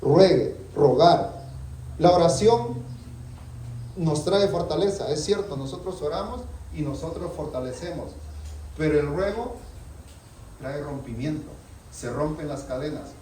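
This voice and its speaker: A man preaches with lively storytelling, slipping into the voices of a begging child and a stern father and asking his listeners questions. His voice sits a little high. He is heard from some distance in an echoey room with faint noise behind him. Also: normal speed. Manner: animated, acts out voices of child and parent, asks congregation questions. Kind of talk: sermon with storytelling.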